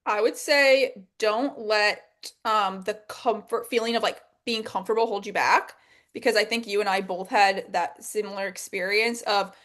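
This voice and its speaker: A woman's voice: medium pitch, moderate pace, fairly bright tone. A woman from Vermont, a guest on a casual video-call interview, talking in a bubbly way with frequent laughs and fillers. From Vermont, United States. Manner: bubbly, laughs often, many likes and ums. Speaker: guest, customer success coach.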